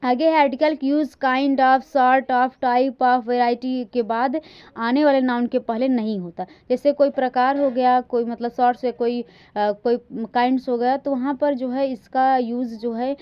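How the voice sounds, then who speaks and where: A woman with a fairly high voice gives a grammar lecture. She slows right down to read each example sentence and stresses every word, then checks in with her listeners before moving on. The recording is dull and lo-fi. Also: fairly even intonation, smooth. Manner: often checks in with "ठीक". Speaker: English grammar teacher. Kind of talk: classroom lecture.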